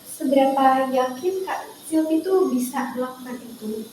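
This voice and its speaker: A woman's voice: high voice, animated, moderate pace, warm tone. A young woman, a nutrition student, politely asking questions and summarizing in a counseling interview. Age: young adult. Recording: very echoey room with faint noise.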